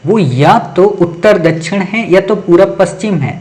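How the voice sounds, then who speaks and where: A man's voice: high-pitched, expressive, a little slow, darkish tone. A man teaching an exam-prep lecture, talking straight to his students, repeating key points and checking often that they follow. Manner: addresses students directly, keeps checking with "ठीक है" and "समझ गए".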